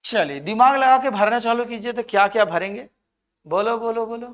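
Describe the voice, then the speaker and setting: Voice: mid-range voice, normal speed, a bit bright. Classroom teacher. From Jharkhand. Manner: counts aloud and keeps prompting students to answer. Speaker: reasoning teacher at a coaching class. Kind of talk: live classroom lecture.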